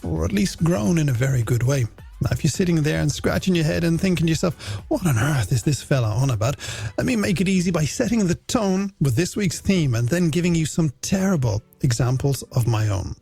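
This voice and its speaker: A middle-aged Irish man presents a chatty late-night radio show, playful and self-deprecating, addressing listeners like friends. His voice is a little high, husky and slightly mellow, with vocal fry. A music bed plays beneath the broadcast.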